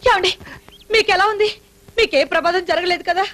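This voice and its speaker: High-voiced sharp-tongued wife. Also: female voice, brisk, faint music behind. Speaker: dance teacher and wife. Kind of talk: Telugu film dialogue.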